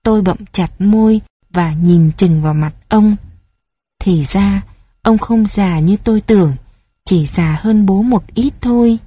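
A woman reads her childhood memoir in a measured, reflective way. Her voice is mellow and slightly husky. The sound is close and dry, with no room echo. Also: mid-range voice. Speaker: narrator. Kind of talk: reading a childhood memoir aloud.

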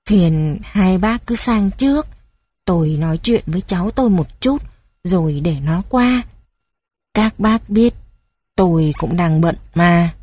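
A woman voicing a stern but caring old grandfather who speaks gravely and with authority. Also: on the low side, lively intonation, a little slow, no echo. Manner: grave, commanding, gentle with children.

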